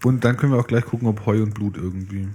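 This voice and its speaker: Male co-host, husky tone, reads a story aloud with jokey interruptions. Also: lowish voice, fairly even intonation, fast, warm tone. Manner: jokey, interrupts his own reading with asides. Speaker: podcast co-host reading a fairy tale aloud. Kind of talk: casual chat with read-aloud passages.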